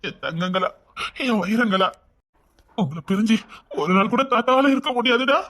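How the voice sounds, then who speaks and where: A woman's voice: on the high side, expressive, a bit bright. A woman playing a doting grandfather who coaxes the children with endearments. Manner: quick, coaxing endearments. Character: doting grandfather, gentle and pleading.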